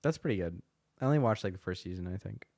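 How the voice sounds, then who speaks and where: A man's voice: sits low, lively intonation, fast, darkish tone, no echo. A young man from North Carolina, guesting on a casual podcast, joking bluntly and laughing. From Asheville, North Carolina. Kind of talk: casual chat.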